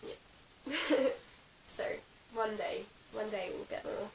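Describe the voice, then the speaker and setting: A young Australian equestrian vlogger, croaky from being sick, takes it slowly in a mid-range voice as she shows off her favourite gear in a casual vlog. She giggles a lot and fills her talk with ums and likes. She sounds slightly distant from the mic in an echoey room, with a faint hiss underneath.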